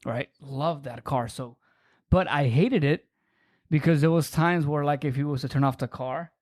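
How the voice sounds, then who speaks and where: Young guy cohosting a podcast, kinda high voice, laughs thru his car stories. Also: moderate pace. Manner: animated storyteller, laughs through his stories. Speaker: podcast co-host. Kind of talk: casual chat.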